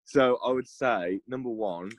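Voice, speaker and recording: A man's voice: medium pitch, a little slow, dry recording. A man co-hosting a casual podcast, loose and joking, with slangy talk. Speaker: podcast co-host. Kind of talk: casual chat.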